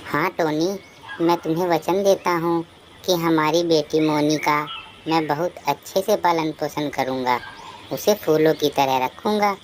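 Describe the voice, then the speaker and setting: Brief: gentle, weary male sparrow dad in a cartoon, voiced by a woman, slow, faint hiss. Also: low voice, steady tone. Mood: earnest. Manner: pleading and tearful. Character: grieving male sparrow father, gentle, worn out. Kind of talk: cartoon voice acting.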